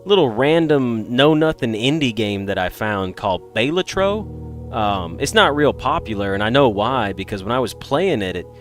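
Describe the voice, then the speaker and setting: A man's voice: mid-range voice, expressive, moderate pace, soft background music, close to an everyday voice. Man playing a smug, clueless gamer. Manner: condescending, dismissive.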